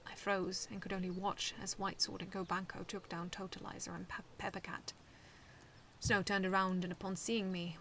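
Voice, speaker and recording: A woman reading her own fanfiction aloud with steady storytelling and the odd slip and restart. Her voice is bright with a gravelly edge, and a faint background sound sits behind her. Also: mid-range voice, a little hiss or hum.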